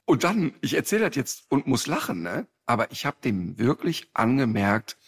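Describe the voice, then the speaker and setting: A man's voice: mid-range voice, breathy edge. A man hosting a podcast, telling a story casually and with animation, often dropping a "ne?" as he goes. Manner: animated, drawn-out storyteller with frequent "ne?". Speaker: podcast host.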